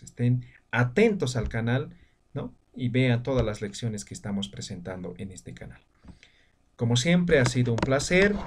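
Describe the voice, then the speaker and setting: A man teaching a language lesson online, patiently repeating words and checking in with his students. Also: mid-range voice.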